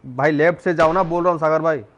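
A man's voice: on the high side, fairly even intonation, a bit bright, dull audio, slight background noise. Urgent male gamer barking callouts. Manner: urgent, repeats commands rapidly. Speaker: gamer giving team callouts. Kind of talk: casual gaming voice chat.

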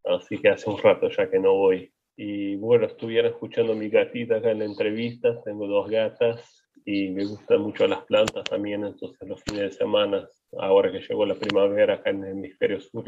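A man's voice: lowish voice, a little hiss or hum. Man on a tinny call line. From Brazil. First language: Portuguese. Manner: hesitant, repeats words while thinking. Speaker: guest biologist. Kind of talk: casual interview answers. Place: indoors at home.

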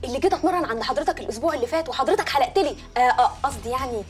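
An actress playing an eager, self-assured young Egyptian reporter talking on the phone in a TV drama. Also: female voice, high-pitched, expressive, very fast, soft background music. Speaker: young journalist. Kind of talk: TV drama acting.

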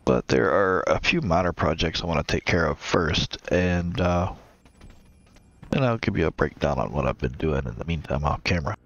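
This let's play host talks through his builds in relaxed gameplay commentary, his deep, gravelly voice thick with congestion. Frequent pauses get filled with uhs, and the audio has a somewhat dull, lo-fi quality.

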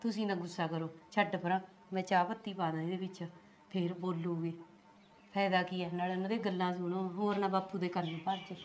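A woman's voice: on the low side, fairly even intonation, fairly quick, slight background noise, lightly acted. A woman playing a sweet-talking scheming daughter-in-law. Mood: placating. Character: scheming daughter-in-law who sweet-talks her in-laws.

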